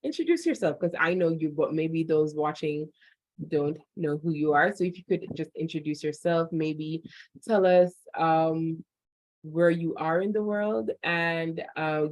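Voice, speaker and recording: A woman's voice: sits low, a little slow, a little mellow, no room sound, rough recording. A woman interviewing a program member on a video call, asking long questions in an encouraging manner.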